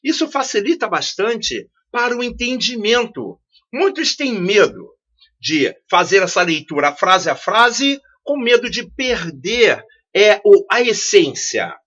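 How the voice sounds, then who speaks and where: A man's voice: high voice, big pitch swings, slow, a bit bright. A man teaching a study lesson, explaining with rhetorical questions and repeating key phrases. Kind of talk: classroom-style video lesson. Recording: dull lo-fi audio.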